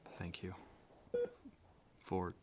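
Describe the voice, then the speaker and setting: An actor playing a remorseful father in an audio drama, speaking in a hushed, halting, apologetic way. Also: in a whisper. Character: remorseful adult father, guilt-ridden and gentle. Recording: music bed underneath.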